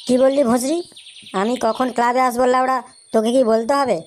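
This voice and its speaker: A woman's voice: a little high, little pitch movement, music in the background, close to an everyday voice. A woman doing a brash cursing cartoon lad. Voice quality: crude, swaggering, quick to threaten. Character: brash foul-mouthed young man, club leader. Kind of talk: cartoon voice acting.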